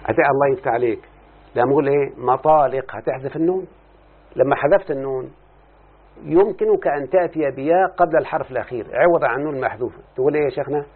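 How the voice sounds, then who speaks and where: A man's voice: medium pitch, rapid-fire, husky. A man teaching a grammar lesson, often stopping to question and address his listener. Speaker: teacher of Arabic morphology. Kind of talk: classroom lesson explaining a text. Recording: muffled phone-like lo-fi sound.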